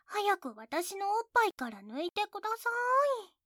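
A young adult woman voicing a teasing, mocking young woman in an intimate audio role-play. She is sweetly polite yet scornful and often drops into soft whispers. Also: very high voice, very animated, normal speed, no echo, clean studio sound, full character voice.

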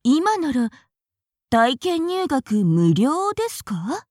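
A high, lively voice, slow and hesitant, rising and falling a lot as a woman plays a naive, easily flustered young woman in an audio drama. She stays polite and stammers over her words, and the voice sounds close and dry. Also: no room sound, full character voice.

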